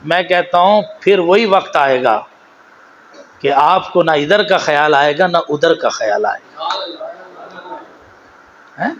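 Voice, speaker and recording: High, bright-voiced Pakistani preacher man. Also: some chatter behind, slight background noise, poor audio. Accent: Pakistani Urdu. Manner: animated, swings between low storytelling and raised exhortation; slow, drawn-out recitation of Arabic phrases. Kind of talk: sermon.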